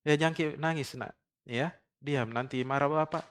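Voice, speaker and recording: A man playing a gentle mother who softly coaxes a small child to stop crying. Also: on the high side, normal speed, natural voice. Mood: soothing. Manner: soft coaxing hush, repeated pleading.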